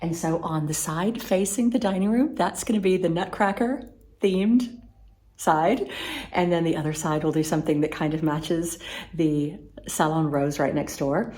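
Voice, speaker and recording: Music runs underneath as a vlog host talks through home decor, chatty and gushing. Her voice is fairly low and dark in tone, and she speaks at a normal speed.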